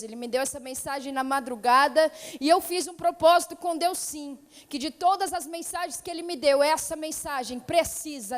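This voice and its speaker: A missionary from São Paulo state, Brazil, delivers a fervent Pentecostal sermon in a high-pitched voice with a paulista accent. She begins with calm greetings and builds to loud, urgent exhortation, her words echoing through a church hall with long reverb.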